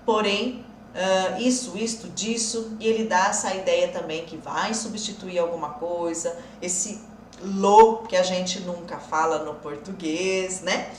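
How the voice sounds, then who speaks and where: A woman's voice: lowish voice, fairly even intonation, a little slow, darkish tone, roomy sound, distant mic, slight background noise. A woman teaching an English lesson on a live stream, explaining patiently, answering viewer comments and laughing often.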